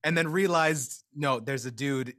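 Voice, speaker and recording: A man's voice: mid-range voice, measured pace, a bit bright. A male podcast host with a mid-range voice, talking over his career with a comedian guest in a casual interview. He speaks earnestly and thinks aloud, circling back as he builds his questions. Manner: reflective and earnest, with long searching questions.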